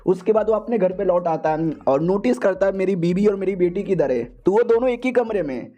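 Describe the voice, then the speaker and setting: A man's voice: high voice, animated, fairly quick, dark tone. A man narrating a story recap in a chatty, informal way, talking to his viewers.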